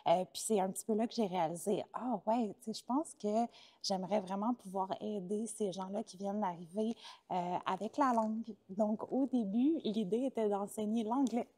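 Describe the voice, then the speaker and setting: A woman in her thirties from Quebec, Canada, speaks in a Québécois French accent with a mid-range, mellow voice at a moderate pace. She's an interview guest, a former teacher who became an entrepreneur, chatting casually and talkatively with lots of filler sounds.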